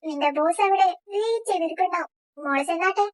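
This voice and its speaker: A woman's voice: very high-pitched, quick pace, poor audio. A woman voicing a cheerful female friend who coaxes and teases the heroine. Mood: coaxing. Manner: coaxing, bossy.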